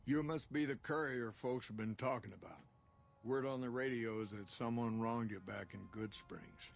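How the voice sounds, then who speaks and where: An actor playing a weathered older ranger chief in a video game, calm and plain-spoken, speaking in a measured, folksy way with a gravelly voice. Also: male voice, mid-range voice, soft background music, close to an everyday voice. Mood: calm, respectful. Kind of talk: video game character dialogue.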